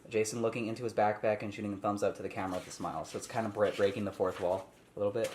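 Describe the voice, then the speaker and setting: A man talks very fast in a steady, lowish, slightly mellow voice while leading a casual script read-through. He reads out stage directions and offers informal explanations, recorded in an echoey room with faint noise.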